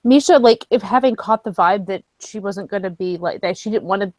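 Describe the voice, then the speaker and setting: A woman's voice: mid-range voice, brisk, a little mellow, dry recording. Woman, tabletop player, chatty, dry close sound. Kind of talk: tabletop role-play chat.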